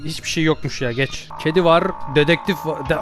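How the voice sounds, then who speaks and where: A man giving playful VR gameplay commentary, teasing and excitable, often yelling and taunting in fun. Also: on the high side, fairly quick, soft background music. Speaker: VR gaming YouTuber.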